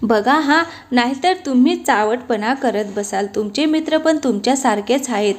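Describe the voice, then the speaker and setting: A woman voicing a shy, gentle young wife who pleads softly with her husband, in a storybook reading. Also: on the high side, normal speed, lightly acted.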